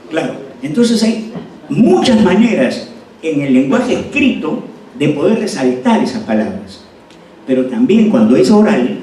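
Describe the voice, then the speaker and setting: A man's voice: fairly high pitch, dark tone. A middle-aged man with a Peruvian accent giving a seminar lecture as an acting teacher, acting out words to demonstrate emphasis. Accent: Peruvian Spanish. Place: lecture hall. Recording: echoey room, voice from far off, faint noise.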